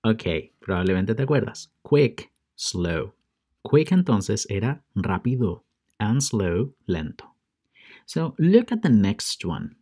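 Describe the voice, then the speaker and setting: Man, English teacher for kids, very slow, repeats words, careful pronunciation. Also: fairly low pitch, big pitch swings, mellow, slightly rough. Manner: drills word pairs with slow, careful repetition; stresses English pronunciation for learners. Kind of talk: bilingual vocabulary lesson for children.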